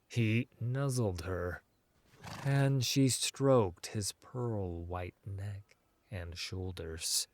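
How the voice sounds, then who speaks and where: A man with a fairly low voice narrates a fantasy audiobook at a slow pace. He gives the scripted prose a dramatic, measured reading.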